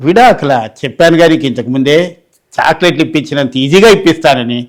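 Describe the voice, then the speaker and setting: Guy playing a slick lawyer, coaxes and explains, quick talker. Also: fairly high pitch, animated, lightly acted. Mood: coaxing. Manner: coaxing, explains slowly. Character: smooth-talking persuasive male lawyer.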